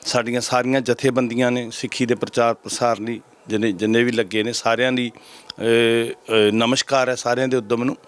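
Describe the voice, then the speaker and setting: A man from Punjab, India, serving as head granthi and answering interview questions in a measured, preaching cadence. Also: mid-range voice, level tone, smooth.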